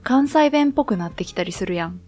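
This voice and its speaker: A woman from Kyoto, Japan, co-hosts a podcast, chatting casually in colloquial Kansai dialect and accent. Her medium-pitched, slightly mellow voice is expressive and fast, with faint music behind her.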